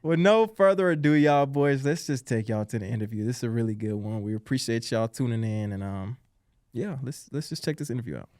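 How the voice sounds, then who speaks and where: A man's voice: mid-range voice, brisk, a little mellow, dry recording, studio quality. A man hosting a casual podcast interview in a hyped, slangy frat-bro way, dropping bro, man and my boy. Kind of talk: casual hype interview chat.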